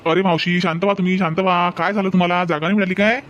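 Man voicing a calming bus conductor. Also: high-pitched, rapid-fire, lo-fi sound. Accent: Varhadi Marathi. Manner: soothing, questioning.

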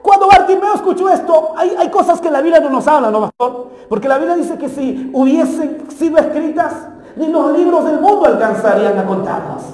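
A man preaching a Pentecostal sermon with passion, often shouting and acting out a beggar's cries. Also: extremely high pitch, animated, fairly quick. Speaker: pastor. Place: church hall. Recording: echoey hall, long reverb.

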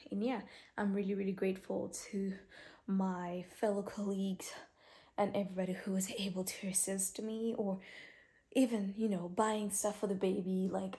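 A woman vlogger chatting casually and rambling a bit through a haul video, holding the camera at home. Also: mid-range voice. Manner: chatty, rambling, repeats words. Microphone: handheld camera.

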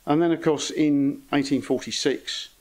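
Pria Inggris lebih tua, kuliah santai dan jenaka. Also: male voice, fairly high pitch, normal speed, darkish tone, low-quality recording. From England. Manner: dry, wry humour, chatty asides. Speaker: astronomy club speaker. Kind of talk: informal lecture.

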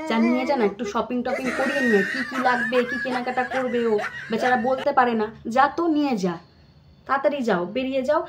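A woman playing a kind, fussy mother-in-law who coaxes her new daughter-in-law along in a comedy sketch, talking fast. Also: fairly high pitch, natural voice. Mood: scolding. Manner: fussy, coaxing, talks fast. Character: doting kind mother-in-law, middle-aged, fussing over her son's wife. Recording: echoey room with faint noise.

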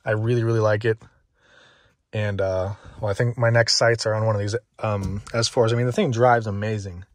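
A man's voice: fairly low pitch, steady tone, moderate pace. A young man telling a casual story-time vlog outdoors in the cold, out of breath, rambling with lots of fillers. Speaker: car vlogger.

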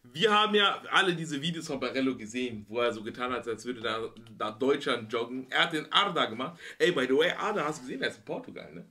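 A man's voice: mid-range voice, fast, few pauses, sharp tone. A man in his thirties hosting a reaction channel, commenting casually in exclamatory slang from a small room.

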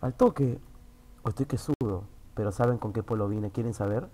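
At a normal speaking pace, a Peruvian Spanish-accented man streams from an internet café booth, casually talking with his viewers. He curses freely and is easily excited, veering between loud exclamations and low mutters.

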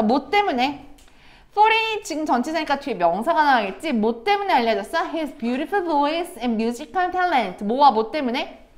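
High, lively Korean woman teaching English. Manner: chatty, teasing, acts out little family scenes; laughs often while talking. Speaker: middle school English teacher. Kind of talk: recorded online lesson.

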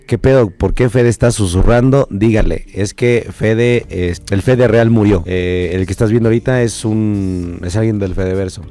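A young Mexican man streams live while hoarse with a cold, his somewhat low voice rough and strained. He chats loosely with viewers, reads their comments aloud and swears freely. Soft music plays faintly underneath. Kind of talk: casual live-stream chat.

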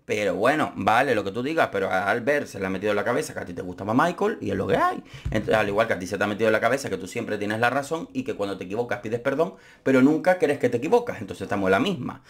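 A man's voice: lowish voice, animated, quick pace, fairly bright tone. A man giving chatty, opinionated commentary on a reality show. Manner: chatty, opinionated, frequent restarts. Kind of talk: casual commentary vlog.

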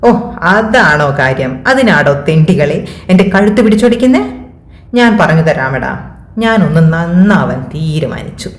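A woman voicing a goofy, overdramatic young male college friend who talks in excited bursts. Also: low voice, moderate pace, reverberant. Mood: teasing.

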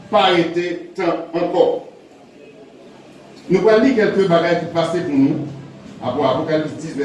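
A man preaching a sermon. He reads Bible verses aloud, then explains them in halting, repetitive phrases. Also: on the high side, darkish tone. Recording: very echoey, distant mic, faint background hum.

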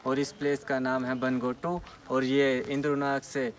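Young male travel vlogger, casual and chatty, outdoor camera mic with clear background noise. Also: mid-range voice, monotone, measured pace, distant mic. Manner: chatty, addresses viewers as guys. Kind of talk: casual travel vlog narration. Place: outdoors on a misty hillside.

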